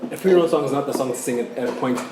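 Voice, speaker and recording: Quick-talking male interviewer in an echoey room. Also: medium pitch. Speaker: interviewer, host. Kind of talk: casual interview chat. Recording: roomy echo with clear background noise.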